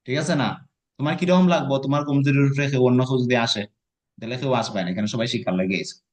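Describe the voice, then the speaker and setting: A man's voice: medium pitch, fast talker, a little mellow. A man teaching an online lesson, patiently coaxing his student and breaking words into syllables.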